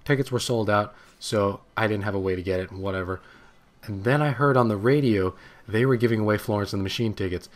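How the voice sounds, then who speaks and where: A young man in his late teens, a gaming channel host, telling a long personal story over gameplay in a rambling, excitable way. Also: on the low side, brisk.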